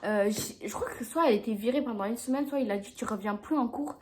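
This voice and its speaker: A woman's voice: fairly high pitch, fast talker, background noise. A young woman telling a dramatic story to camera in a casual storytime vlog, acting out what people said. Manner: animated, dramatic retelling with acted-out quotes. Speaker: vlogger.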